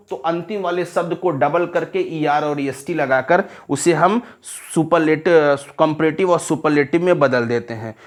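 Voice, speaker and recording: A man teaching English grammar, spelling words out letter by letter and asking students to confirm. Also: high-pitched. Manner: asks "confirm?" to check understanding. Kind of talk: classroom grammar lesson.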